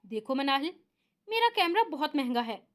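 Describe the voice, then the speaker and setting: A woman's voice: high-pitched, very animated, normal speed. A woman doing a cheeky, boastful young man. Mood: teasing. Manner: teasing, mock-innocent, boastful.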